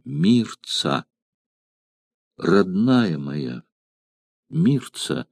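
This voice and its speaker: A man voicing a dying young warrior who speaks faintly and slowly, his words fading. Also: fairly low pitch, big pitch swings, warm tone, no echo, clean studio sound, exaggerated voice. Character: dying young male warrior, weak and tender.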